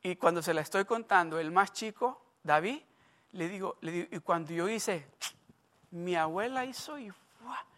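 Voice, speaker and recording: A man's voice: sits high, moderate pace, fairly bright tone. An older man preaching a sermon, emphatic and repetitive, asking the congregation questions and telling stories from his own life. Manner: storytelling asides.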